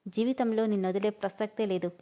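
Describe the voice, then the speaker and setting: A woman's voice: medium pitch, fairly even intonation, fairly quick, dark tone, muffled recording, close to an everyday voice. Woman voicing a cocky young husband. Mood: teasing. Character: cocky young man teasing his wife.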